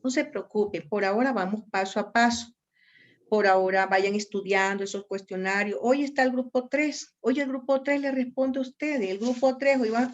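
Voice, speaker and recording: Colombian woman lecturing, lo-fi. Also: a little high. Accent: Colombian Spanish. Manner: animated, addresses students directly, repeats herself. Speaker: law professor. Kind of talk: online university lecture. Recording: dull lo-fi audio.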